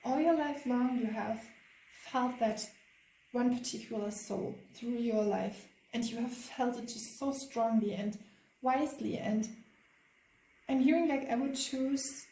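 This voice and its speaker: A woman's voice: on the high side, measured pace, echoey room, rough recording. A woman with a German accent doing a spiritual tarot reading, hesitant and full of fillers. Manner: hesitant, many fillers, soft laughs. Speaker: tarot card reader.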